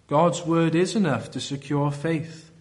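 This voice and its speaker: A man with a Welsh Valleys accent preaching a sermon in an earnest, deliberate way, often posing rhetorical questions. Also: a little high, a little hiss or hum. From South Wales valleys.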